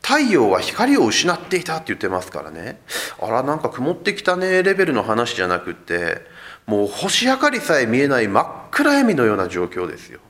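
Lively male pastor preaching a sermon. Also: medium pitch, brisk. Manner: animated storytelling, speaks directly to the congregation. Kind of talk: Sunday sermon.

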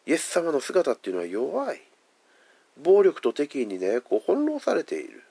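A man preaching a sermon. He stresses key words by slowing down, then lets his phrases fall away to a hush. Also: a little high, huge pitch swings, creaky, breathy edge. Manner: emphatic, drawn-out phrasing with soft, hushed endings. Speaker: pastor.

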